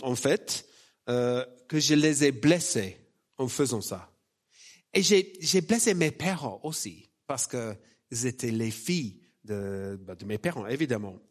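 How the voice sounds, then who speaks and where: A man speaking French with an Australian accent, English being his first language, delivers a personal, conversational sermon. His preaching is casual, halting and self-deprecating, and his voice runs a little high.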